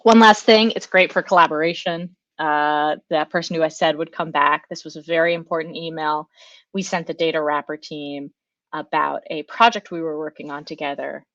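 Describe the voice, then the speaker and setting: A woman's voice: low voice, fairly even intonation, moderate pace, fairly bright tone, no room sound, muffled recording. A woman giving a casual, enthusiastic conference talk over a video call, chatting with lots of fillers. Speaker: conference speaker.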